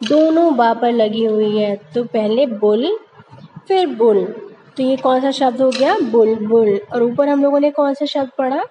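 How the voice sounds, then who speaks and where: A woman's voice: high voice, normal speed, hardly any pauses, dark tone, a little hiss or hum, rough recording. A woman teaching young children over pictures, patiently asking questions and answering them herself. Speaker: primary school teacher. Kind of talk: narrated lesson over slides for young children.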